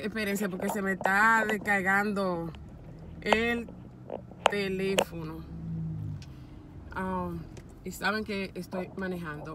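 Dominican woman in her fifties, vlogger; slightly high voice, unhurried casual chat, phone at arm's length in a moving car. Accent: Dominican Spanish. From Dominican Republic. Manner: unhurried, chatty, many fillers like "este". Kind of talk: casual chat answering viewer questions. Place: inside a car while driving. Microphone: phone held at arm's length. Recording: car and street noise behind.

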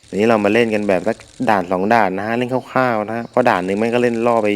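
A young man talks through a game in a lowish voice, roughened by a sore throat. He mutters to himself and swears casually as he plays. Faint music sits behind him. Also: fast. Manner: crude, excitable, talks to himself while playing. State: sore throat, can't shout. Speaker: gaming channel host.

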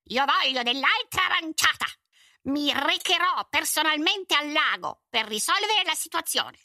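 A woman voicing a shrill, furious tiny king. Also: expressive, unhurried, no echo, studio quality, heavily acted. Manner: shrill, shouting, insulting. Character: tiny pompous tantrum-throwing king, man. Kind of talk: storybook read-aloud.

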